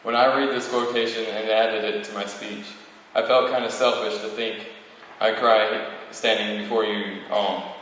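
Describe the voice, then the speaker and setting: Addressing an audience from a podium, an eighteen-year-old valedictorian reads his prepared speech with the odd stumble, in a fairly low, level, fairly bright voice at a measured pace. The recording comes from a distant mic in a very reverberant hall, with faint noise.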